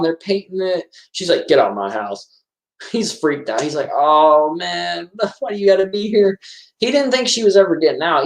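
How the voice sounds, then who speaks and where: A man hosting a casual live-stream movie commentary, chatty and rambling, often correcting himself as he talks. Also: high-pitched. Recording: roomy echo.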